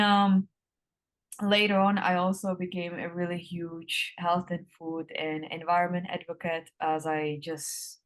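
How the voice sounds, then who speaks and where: A woman in her thirties from the Republic, a guest answering interview questions in an unhurried way with frequent ums and drawn-out words. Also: fairly low pitch. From Czech Republic. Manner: hesitant, many ums, slowing and drawn out.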